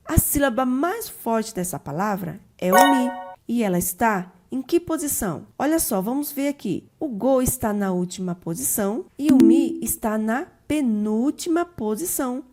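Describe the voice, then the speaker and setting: A woman teacher, giving an online grammar lesson step by step and slowing down to stress each example word. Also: on the high side, lively intonation, music in the background. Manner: methodical, slowly stressed example words.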